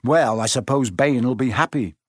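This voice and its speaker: A man's voice: mid-range voice, moderate pace, husky, no echo, studio quality, natural voice. A man voicing an anxious young wizard boy who talks urgently and feverishly.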